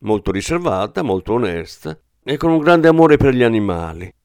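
A pompous little palm reader, as a man reads him aloud in a middle-pitched voice, flattering and measured in his speech. The sound is dry and close, with no room around it. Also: clear, resonant tone, no echo, natural voice. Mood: smooth pompous. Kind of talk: audiobook reading.

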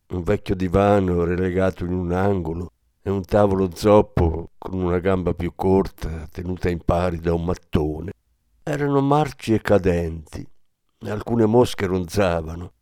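Male audiobook narrator, very deep, dry sound, measured and somber. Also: darkish tone, no room sound. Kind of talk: audiobook reading.

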